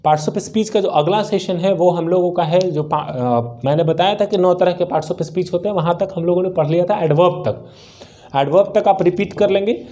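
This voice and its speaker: An Indian-accented male teacher explaining English in Hindi, his voice pitched a little high for a man yet soft and mellow in tone. He keeps asking his class questions and answering them himself, repeating each key word. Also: moderate pace. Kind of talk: spoken English lesson in Hindi.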